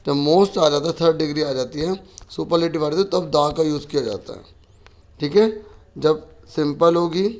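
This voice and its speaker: A man's voice: fairly high pitch, darkish tone. A man, a teacher patiently explaining a school worksheet, asking questions and answering them himself.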